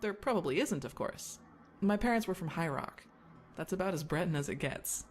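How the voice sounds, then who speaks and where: A woman voicing a young mage in a game, calm and reflective as she talks. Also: on the low side, moderate pace, slight background noise, lightly acted. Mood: wistful. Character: young female mage, wistful and earnest. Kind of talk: game voice acting.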